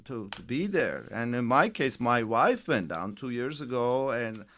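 A man's voice: mid-range voice, sing-song, a little slow, a bit bright. A middle-aged man hosting a financial radio show, chatting casually and rambling with many restarts.

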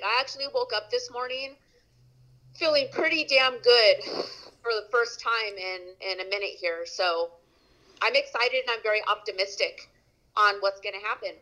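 A woman with a bright, sharp voice speaks plainly as an interviewee. Her words carry a hopeful, optimistic tone. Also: medium pitch, poor audio.

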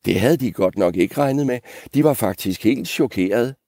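A man reading a fairy tale aloud in an expressive storytelling manner. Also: mid-range voice, no room sound, clean studio sound.

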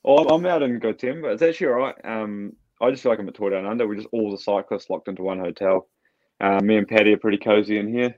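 A man's voice: fairly low pitch, quick pace, darkish tone. A man with a New Zealand accent chatting casually as an athlete on a podcast, over a remote call. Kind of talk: casual chat. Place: hotel room, remote call. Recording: dull, lo-fi remote call audio.

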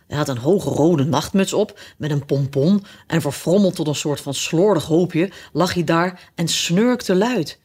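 A woman narrating a children's storybook in an expressive reading voice. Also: deep voice, measured pace, hardly any pauses, husky. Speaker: audiobook narrator.

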